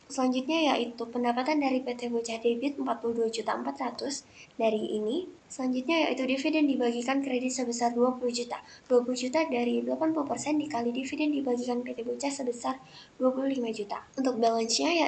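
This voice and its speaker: Her voice sits high yet carries a creaky, darkish tone as this young woman recites a prepared lesson one step at a time, student-presenter style. Noticeable noise runs in the background.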